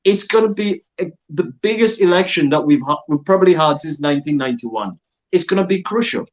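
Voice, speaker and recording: A man's voice: a little high, expressive, brisk, lo-fi sound. A man from Zambia appearing as a guest, making an earnest, emphatic appeal and repeating his key phrases. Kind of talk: political appeal on an online talk show.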